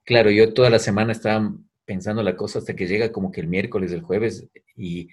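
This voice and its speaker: Middle-aged man, husky and low-pitched, lively storyteller who acts out the voices. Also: fairly quick. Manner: animated, acts out quoted voices. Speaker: guest. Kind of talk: casual storytelling.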